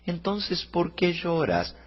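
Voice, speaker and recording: A man voicing a kind, motherly woman who asks gentle, worried questions in a raised voice. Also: high-pitched, sing-song, slow, breathy edge, voice pushed up, exaggerated voice. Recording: muffled lo-fi recording.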